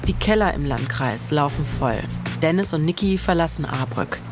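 A woman hosting and narrating a podcast, telling the story in a lively, personal way. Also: deep voice, normal speed, over music.

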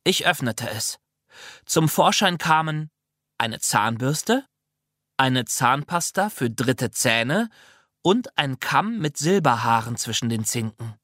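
Slow, lively children's audiobook reader. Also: mid-range voice, dry recording, clean studio sound. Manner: lively, expressive reading.

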